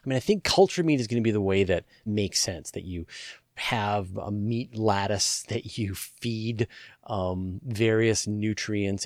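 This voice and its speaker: A man's voice: lowish voice, no room sound, clean studio sound. A man hosting a listener Q&A show, explaining ideas in a chatty, informal way with playful asides. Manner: chatty, lots of "like" and "you know", playful asides. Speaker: host answering listener questions. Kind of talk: casual science Q&A talk.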